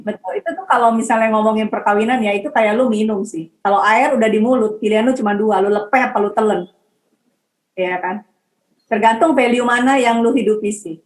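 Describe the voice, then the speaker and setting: A woman's voice: fairly high pitch, a little fast, roomy sound, low-quality recording. A woman on a podcast panel, chatting casually and explaining with a homely analogy. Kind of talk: casual chat.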